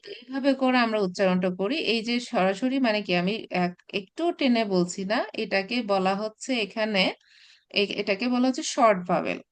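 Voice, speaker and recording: A woman teaching a recorded Arabic class, explaining patiently with many pauses and restarts, mixing in English terms. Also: mid-range voice, clean tone. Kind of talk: recorded online class lecture.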